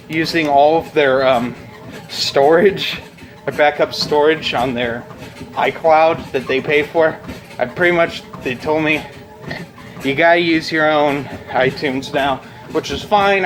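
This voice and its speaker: A man's voice: fairly high pitch, fairly bright tone, rough recording. A young man chatting casually and bluntly while walking on a treadmill, rambling and swearing freely as a video blogger. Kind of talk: casual unscripted chat to camera.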